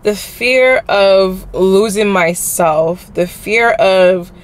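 A woman's voice: mid-range voice, very slow, rough recording. A young woman vlogging from a car at night, talking in a heartfelt, prayerful way and repeating phrases for emphasis. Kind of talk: reflective car vlog talk. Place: inside a car at night, traffic outside. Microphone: camera mounted on the dashboard. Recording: loud road and car noise.

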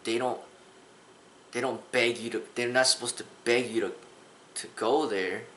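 A man's voice: mid-range voice, steady tone, moderate pace, sharp tone, echoey room, slight background noise, rough recording. A man in his thirties, a kung fu instructor, talking earnestly to the camera in a casual vlog, rambling with restarts. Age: 30s. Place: small indoor room with a sofa.

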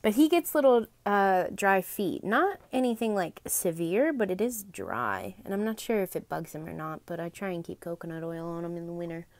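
A woman's voice: lowish voice, animated, normal speed, hardly any pauses. A young woman in her twenties chatting casually in a home vlog, talking sweetly to her pets. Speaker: vlogger. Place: home pet room, indoors.

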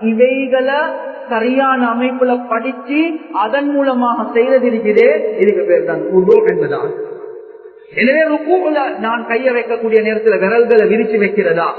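A man giving an Islamic sermon, addressing listeners as respected brothers and friends and chanting Arabic verses. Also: very high-pitched. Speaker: preacher. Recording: tinny, echoey hall from far off.

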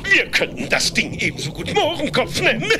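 A man playing a boastful, bossy, joking ship captain in a German cartoon audio play, pompous and quick to laugh at himself. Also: extremely high pitch, huge pitch swings, noisy background, full character voice. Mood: jovial, joking. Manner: pompous, jokey, laughing at own jokes. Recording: music behind the voice.

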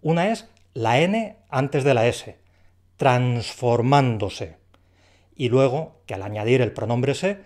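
Guy teaching spelling, clear and patient, asks questions then answers them, normal mid voice. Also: mid-range voice, darkish tone. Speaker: language teacher. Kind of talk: explaining a dictation lesson.

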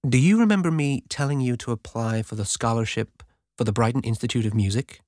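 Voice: medium pitch, brisk, a little mellow, no room sound, studio quality, natural voice. A narrator playing a cheeky inner voice. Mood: teasing. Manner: playful, matter-of-fact.

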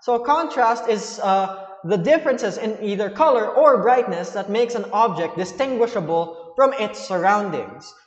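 A man's voice: high-pitched, roomy sound, in a large hall, muffled recording. A man explaining a science lesson to students in a loose, chatty way, with fillers as he goes. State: hiccuping. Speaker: science teacher.

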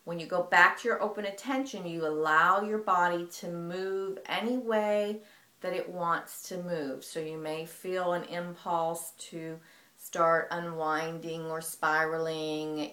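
In an echoey room, a woman who teaches movement walks through a breathing technique, calm and explanatory. Her voice is low, and she talks like an instructor guiding a demonstration.

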